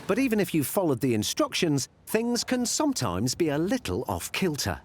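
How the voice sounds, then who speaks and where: A man's voice: fairly high pitch, wildly swooping pitch, moderate pace. A man reading scripted narration for a documentary as its narrator. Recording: music behind the voice. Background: background music.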